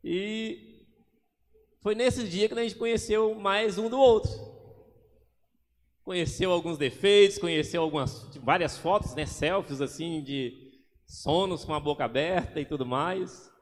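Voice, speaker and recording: A man's voice: high voice, measured pace. A man preaching a sermon as pastor, acting out little everyday scenes as he goes. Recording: long hall reverb.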